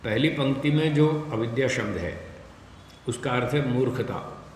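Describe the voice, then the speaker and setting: Male religious teacher, slow deliberate lecture, heavy hall reverb. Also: medium pitch, a little hiss or hum. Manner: slow, deliberate explanation with repetition. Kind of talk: scripture class lecture. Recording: echoey hall with long reverb.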